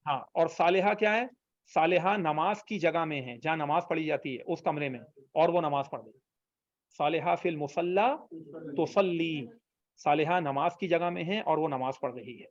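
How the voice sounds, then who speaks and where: A man's voice: fairly high pitch, dry recording, muffled recording. A man teaching an online language class, patiently repeating phrases for students to copy. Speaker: Arabic teacher.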